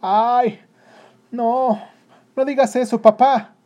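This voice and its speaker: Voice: mid-range voice, animated, a little slow, warm tone, slightly rough, muffled recording. A narrator voicing a self-sacrificing young boy who speaks in a heartfelt, pleading way.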